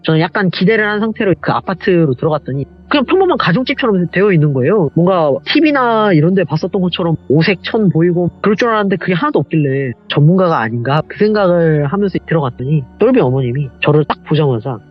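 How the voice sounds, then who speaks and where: A man telling a true horror story at a quick clip, his pitch rising and falling a lot as he acts out each voice. His voice is a little husky and sits on the higher side. The sound is slightly dull, with faint music underneath. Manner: animated, acts out quoted voices. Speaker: guest storyteller.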